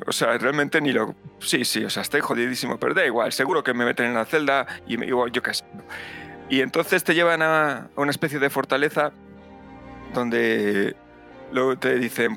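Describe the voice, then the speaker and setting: Brief: man in podcast banter, bright forceful voice, lively storyteller, faint music behind. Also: medium pitch, gravelly. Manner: animated storytelling with acted asides. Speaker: podcast host. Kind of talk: casual chat.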